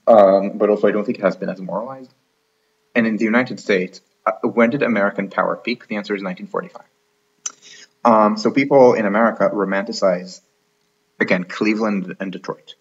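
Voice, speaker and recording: A man's voice: on the low side, normal speed, husky, lo-fi sound. A man hosting an unscripted explainer talk, hesitant, with many ums and restarts. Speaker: host of the channel.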